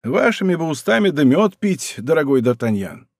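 A man's voice: fairly high pitch, big pitch swings, normal speed, no room sound, studio quality. A man voicing a sly, timid, middle-aged fortress commandant who complains in a plaintive, wheedling way.

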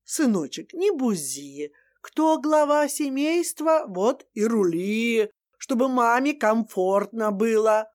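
A woman voicing a loud, domineering mother-in-law in her forties who shouts crude threats and keeps sneezing. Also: fairly high pitch, animated, takes it slowly. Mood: mock-sweet, threatening.

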